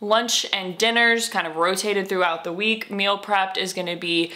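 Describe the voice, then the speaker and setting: A woman's voice: medium pitch, steady tone, moderate pace, sharp tone. A young American woman in her twenties, chatting casually to the camera in her apartment with an upbeat manner and many fillers. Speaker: vlogger. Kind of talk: casual vlog talk to camera. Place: small apartment, indoors. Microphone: camera or phone mic at close range.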